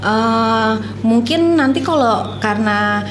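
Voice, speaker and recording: Woman in her 40s, high bright voice, warm earnest tutor reflecting on teaching. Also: animated, takes it slowly, crowd noise. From Indonesia. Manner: earnest, reflective, laughs lightly. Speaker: private tutor. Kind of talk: casual interview.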